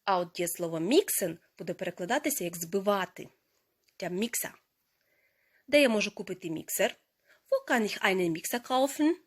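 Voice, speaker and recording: A woman teaching a language lesson, explaining grammar step by step and saying each foreign word slowly and carefully. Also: medium pitch, animated. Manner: slow, careful pronunciation of foreign words.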